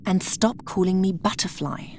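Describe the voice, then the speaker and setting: A woman's voice: mid-range voice, moderate pace, a little mellow, a little hiss or hum, close to an everyday voice. An actress playing a stern, determined young woman adventurer in a fantasy video game, terse and commanding. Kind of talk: video game character acting. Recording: game ambience behind the voice.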